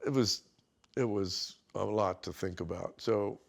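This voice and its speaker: A man's voice: on the low side, measured pace, vocal fry. An older man telling stories from his past in an interview, rambling and restarting often. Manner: rambling, with many restarts and acted quotes. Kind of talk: anecdotal storytelling.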